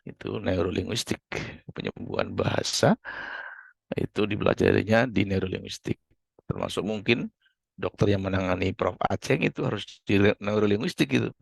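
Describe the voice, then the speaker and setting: Man, Indonesian accent, university lecturer, patient repetitive explaining, gravelly fry, dry close sound. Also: on the low side, sing-song, normal speed, dry recording. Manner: explains patiently, repeating key terms with many fillers. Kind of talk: online class lecture.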